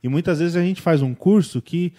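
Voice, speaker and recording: A man's voice: a little high, moderate pace, dark tone. A man hosting a podcast, speaking in a casual, colloquial, appreciative way as he chats with a guest and the audience. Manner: colloquial, appreciative, uses slang. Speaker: podcast host. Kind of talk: casual chat, wrapping up an interview.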